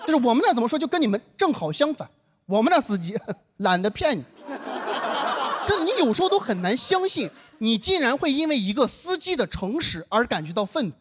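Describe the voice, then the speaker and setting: A young adult man from northern China doing a stand-up set, telling self-mocking stories in an animated way. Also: extremely high pitch, a little fast, a little hiss or hum. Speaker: stand-up comedian. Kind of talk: stand-up comedy performance. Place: live comedy stage.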